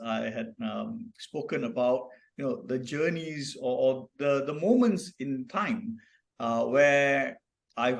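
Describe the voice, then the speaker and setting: A man from Malaysia, a founder guest on a podcast, telling stories reflectively, with many restarts and tag questions. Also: medium pitch. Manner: reflective, storytelling, frequent restarts and "right?" tags. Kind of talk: casual podcast conversation.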